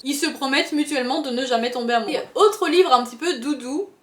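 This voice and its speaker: A woman's voice: high-pitched, fast, reverberant, heavy background noise. A chatty young woman, talking casually about books, full of fillers. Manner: chatty, animated, many fillers. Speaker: book vlogger. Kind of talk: casual chat.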